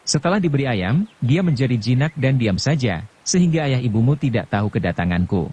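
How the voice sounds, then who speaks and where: Man playing an easygoing old farmer, storybook, husky voice. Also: medium pitch, expressive, a little fast, a little mellow. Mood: teasing. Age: older. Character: old male farmer, teasing husband. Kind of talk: audiobook narration.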